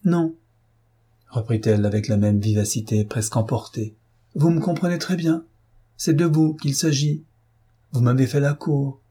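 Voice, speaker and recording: A man's voice: mid-range voice, normal speed, dark tone, husky, lightly acted. A man reading an audiobook, voicing an earnest, proud young upper-class woman who speaks with heartfelt, emphatic pleading.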